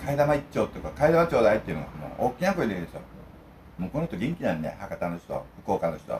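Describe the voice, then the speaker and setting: A middle-aged man from Okinawa chats at his table in a low voice that swoops up and down with lively pitch. He rambles from one joking story to the next. Faint noise sits under the voice. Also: rapid-fire. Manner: jokey, wandering storyteller. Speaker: food vlog host. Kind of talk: casual rambling chat while eating.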